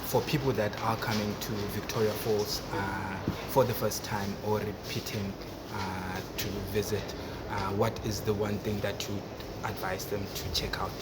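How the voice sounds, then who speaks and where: A man's voice: lowish voice, flat delivery, normal speed, hardly any pauses. A man hosting a podcast, asking questions with many hesitant "uh" fillers. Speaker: podcast host. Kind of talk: casual interview. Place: coffee shop. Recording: loud coffee shop noise.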